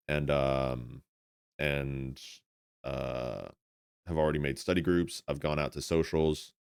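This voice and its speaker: A man in his twenties, a native Spanish speaker from the United States, talks casually with his stream viewers in a rambling way and often repeats words. His voice is very deep and creaky with a clean tone. The recording is studio quality with no echo.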